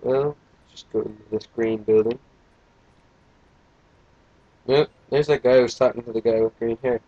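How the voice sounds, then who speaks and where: A man's voice: medium pitch, steady tone, moderate pace, warm tone, no room sound, highs cut off. Tired young man with crude gaming jokes. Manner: crude, joking, rambling. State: tired, yawning. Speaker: let's play gamer. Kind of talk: casual game commentary.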